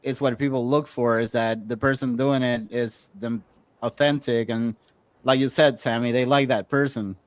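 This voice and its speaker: A man's voice: medium pitch, fairly even intonation, normal speed, no room sound. A man leading a casual group discussion, chatty and encouraging others to speak.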